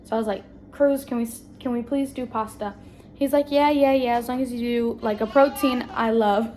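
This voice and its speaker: A woman's voice: fairly high pitch, steady tone, moderate pace, warm tone. A young woman vlogging at home to her phone, with a chatty, rambling way of talking to her viewers. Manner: chatty, rambling, southern-tinged "y'all". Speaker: family vlogger. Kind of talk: casual chat to camera. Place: at home indoors.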